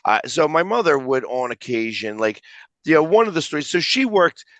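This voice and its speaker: A man in his fifties from the Philadelphia area, a guest telling animated stories in a casual interview. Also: a little high, moderate pace, no room sound. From Philadelphia area, USA. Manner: animated anecdotal storyteller.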